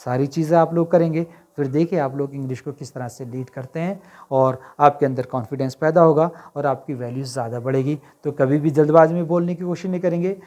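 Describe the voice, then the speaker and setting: A man giving a spoken English lesson, mixing Hindi with slower English phrases and directly asking his students rhetorical questions. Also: a little high, mellow. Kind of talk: motivational classroom lecture to camera.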